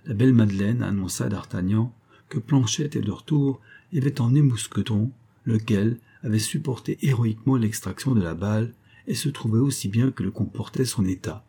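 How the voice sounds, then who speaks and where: A man reading a classic novel aloud as audiobook narration, in a steady, measured way. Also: lowish voice, breathy edge. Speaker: audiobook reader.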